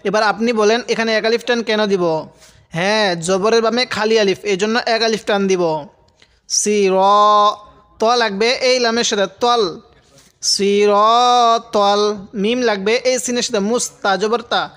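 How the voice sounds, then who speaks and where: A man teaching Quran reading in a lesson, spelling out each word slowly and pausing for viewers to repeat after him. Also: high-pitched, steady tone, a bit bright. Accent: Bangladeshi Bengali. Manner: slow drawn-out syllable-by-syllable recitation, then quicker plain explanation; addresses viewers directly and pauses for them to repeat.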